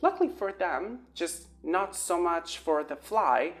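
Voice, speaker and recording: A woman reading an audiobook aloud with expressive storytelling. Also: lowish voice, unhurried. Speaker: audiobook narrator. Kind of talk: audiobook narration.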